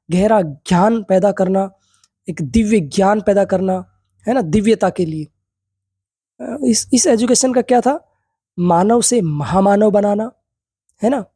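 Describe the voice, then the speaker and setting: A man teaching a yoga theory class. He reads English text slowly, then explains it in Hindi, often checking in with tag questions and asking his students rhetorical questions. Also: high-pitched, dark tone, husky, no echo, clean studio sound. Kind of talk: lecture.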